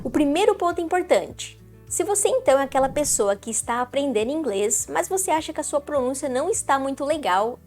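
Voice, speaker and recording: A woman's voice: sits high, a little mellow. A woman teaching English pronunciation to viewers in an upbeat online lesson, often checking in with "ok?". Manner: upbeat, talks straight to viewer, repeats ok?.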